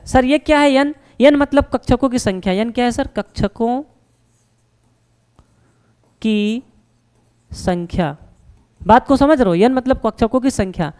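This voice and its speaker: A man with a smooth, clear voice teaches a science lesson at the board. He keeps firing questions and answering them himself, calling his students "beta" and "sir" and reassuring them that nothing is hard. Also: very high voice, a little mellow. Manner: reassuring, repeats "no problem".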